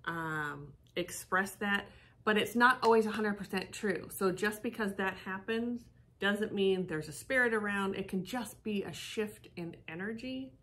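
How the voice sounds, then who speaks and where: Sitting indoors by a fireplace in a living room, the psychic co-host of a reaction show, a middle-aged woman, muses through casual commentary and gropes for her words. She speaks a little slowly, with a medium pitch and a slightly bright tone.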